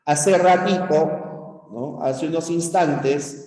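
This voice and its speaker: This clip has a man from Peru, speaking Peruvian Spanish, teaching grammar to pre-university students in a fairly high, dark voice that draws out its words. Emphatic in manner, he often checks on the class with "¿ya?" and "¿no?". Long reverb fills the echoey room.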